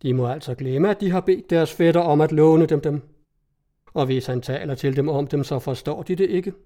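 Man reading a calm commanding doctor. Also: fairly high pitch, lightly acted. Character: composed male doctor, calm and commanding hypnotist.

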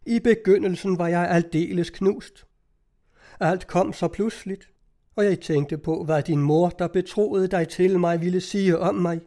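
A devout, fretful old aunt, voiced by a man reading a novel aloud talks on in a chatty way. The tone is mellow and sits a little high, and the storybook delivery stays close to a plain reading voice. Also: fairly even intonation. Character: fussy elderly aunt, devout and talkative.

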